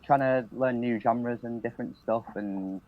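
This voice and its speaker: A man in his late thirties, a musician guest who has been up all night, sounds tired and talks in halting, trailing-off phrases. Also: medium pitch, steady tone, narrow, tinny audio. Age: 30s. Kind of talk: casual chat on a call.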